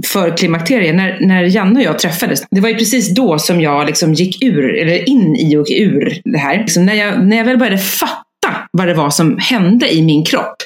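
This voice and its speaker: Lively, animated Swedish-speaking woman storyteller. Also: on the low side, few pauses, echoey room. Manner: lively storyteller, acts out voices in anecdotes. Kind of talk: casual chat.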